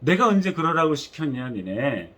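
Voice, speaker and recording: A man voicing an angry male teacher who sternly rebukes his followers, with a husky, lively voice. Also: a little high, slow, full character voice. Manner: stern, rebuking, rising to sharp outbursts.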